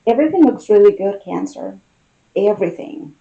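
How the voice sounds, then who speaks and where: A woman giving an unscripted, intimate tarot card reading, musing aloud with pauses and repeated phrases. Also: mid-range voice, animated, gravelly, dark tone, dull audio, a little hiss or hum.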